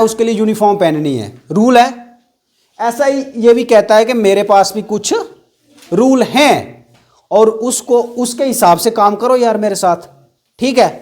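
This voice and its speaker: A man's voice: high voice, a little mellow. A man teaching an English grammar class, asking the students questions and repeating the key words.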